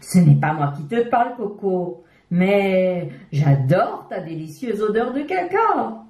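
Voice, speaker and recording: A woman voicing a nasty, gloating fly in a children's storybook, in a lower voice. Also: big pitch swings, slow pace, dark tone, reverberant. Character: nasty fly, relishing bad smells.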